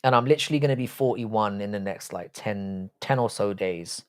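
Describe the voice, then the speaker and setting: This is a man in his forties from South London, England, with a voice on the low side at a normal speed. On his relaxed live stream he wanders from topic to topic, curses without restraint, and answers messages from the chat.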